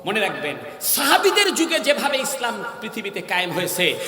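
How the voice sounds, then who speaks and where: A man's voice: high voice, wildly swooping pitch, a little fast. A man preaching an emphatic sermon, calling on the crowd to answer back. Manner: emphatic, calls crowd to respond. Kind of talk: Bangla waz sermon. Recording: echoey hall-like PA sound.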